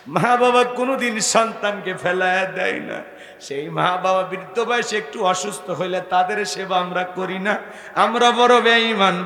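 A male preacher, delivering an emotional sermon in a melodic chant that rises into shouts. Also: high voice. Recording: echoey PA sound with long reverb.

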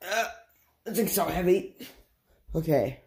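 Husky woman narrating plush toy play. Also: on the low side, expressive, a little slow, a little mellow. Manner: chatty, talks to herself while acting out play. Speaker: plush toy show host.

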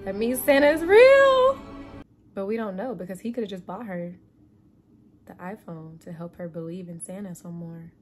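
A woman's voice: medium pitch, big pitch swings, normal speed, soft background music. A woman reviewing a movie on her channel, exasperated, swearing often and breaking into laughter.

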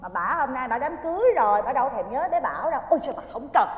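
A woman's voice: sits high, sing-song, racing. An actress playing a flustered young woman who fusses over and coaxes a baby. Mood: doting. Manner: fussing, exclaiming, coaxing the baby. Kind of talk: TV drama acting. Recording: roomy reverb, faint music.

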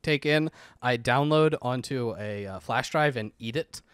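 A man's voice: medium pitch, measured pace, clean tone, no room sound. A man co-hosting a game podcast, speaking dryly and reading listener letters aloud. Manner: dry, deadpan, reads letters aloud. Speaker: podcast co-host. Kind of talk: casual chat.

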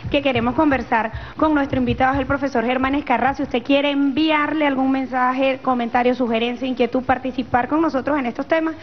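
A woman's voice: sits high, fairly even intonation, fairly quick, hardly any pauses, slight background noise. A middle-aged woman with a Venezuelan accent, hosting a studio talk show in a conversational style. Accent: Venezuelan Spanish. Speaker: radio and TV show host. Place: small padded radio studio. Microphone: close studio microphone, headset on. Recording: dull band-limited broadcast, faint music.

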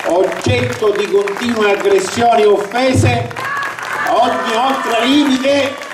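An older man gives a declamatory, booming campaign speech from a balcony, reading with emphasis. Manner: declamatory, emphatic delivery to a crowd. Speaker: election candidate. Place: outdoor balcony over a town square at night. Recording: roomy, distant, noisy outdoor rally recording.

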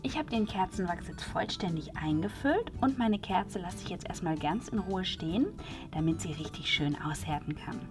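A woman calmly explaining a crafting project step by step, as host of a tutorial video. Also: lowish voice, moderate pace, music in the background. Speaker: DIY channel host.

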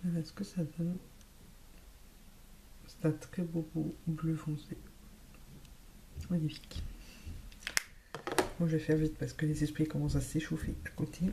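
A woman vlogger talks casually through a makeup haul, her voice dark and mellow. Some words drop to a half-whisper. Faint noise hangs behind her. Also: low voice, flat delivery, measured pace, long pauses. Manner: chatty, describing eyeshadow shades, some words half-whispered. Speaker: beauty vlogger. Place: home room with lights.

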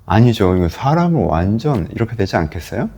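A man's voice: lowish voice, a little fast, husky. A male pastor giving a conversational Bible teaching, talking straight to his listeners and acting out quoted voices. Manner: lively, acts out quoted voices, asks listeners questions.

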